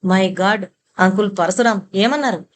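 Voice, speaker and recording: A woman's voice: mid-range voice, a little slow, close to an everyday voice. Lady voicing a cheeky young guy, sulky and teasing, faint hiss. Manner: teasing, sulky, shouts dramatically. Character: playful cheeky young man.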